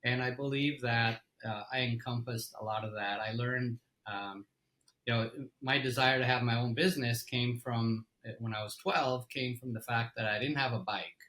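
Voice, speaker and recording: A middle-aged man from Egypt, a company CEO, telling his story as an interview guest in a relaxed way, with fillers and restarts. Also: medium pitch, moderate pace, low-quality recording.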